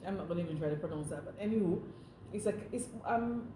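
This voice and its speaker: A woman's voice: lowish voice, quick pace. A woman co-hosting a casual chat, addressing viewers directly and animatedly. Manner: animated, talks to viewers as guys. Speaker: co-host. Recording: echoey room, faint noise.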